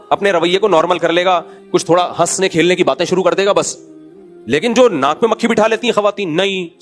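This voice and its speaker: Middle-aged preacher, higher-pitched male voice, chatty scolding sermon, faint music underneath. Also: a bit bright. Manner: conversational, scolding, acts out quoted voices. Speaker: mufti giving a religious talk. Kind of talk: informal sermon with anecdotes.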